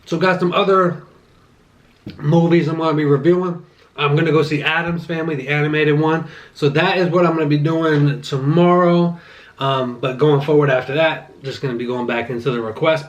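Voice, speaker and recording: A young man with a slightly high voice chats loosely through a mukbang movie review. He rambles, restarts his sentences and leans on casual fillers. The talk stays relaxed and unscripted, like a host talking straight to his regular viewers. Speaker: channel host reviewing movies while eating.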